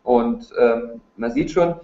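A man's voice: medium pitch, slow, dark tone. A man co-presents a webinar, explaining technical details without a script. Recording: echoey, muffled webinar audio.

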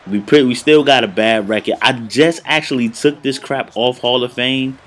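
A young man giving casual, slangy play-by-play commentary over his own video game, excitable and frustrated. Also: mid-range voice, moderate pace. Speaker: gaming commentator.

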